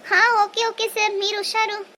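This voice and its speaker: Woman voicing a high whiny young wife. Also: flat delivery, normal speed, pushed and bright, a little hiss or hum. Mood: chatty. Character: young daughter-in-law, fussy, whiny. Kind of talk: cartoon voice acting.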